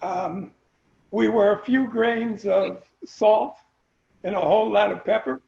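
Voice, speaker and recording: A man's voice: high-pitched, fairly even intonation, takes it slowly, vocal fry, roomy sound, muffled recording. An older man reminiscing casually about his student days, wry and joking with his listeners. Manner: wry, joking, addresses the group directly. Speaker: alumnus guest.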